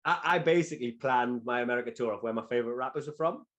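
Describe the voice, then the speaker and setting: A man's voice: medium pitch, quick pace. A young man with a Geordie accent, telling stories as a podcast guest in a rambling, casual way full of "like". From Newcastle, northeast England. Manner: rambling, heavy use of "like", animated storyteller. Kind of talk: casual storytelling chat.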